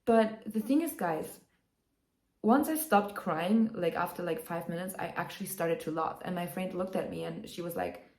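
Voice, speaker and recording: A woman's voice: lowish voice, moderate pace, darkish tone. A woman vlogger giving a motivational self-help talk, upbeat and coaxing, full of "you know" and "right?". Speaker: lifestyle vlogger. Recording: echoey room.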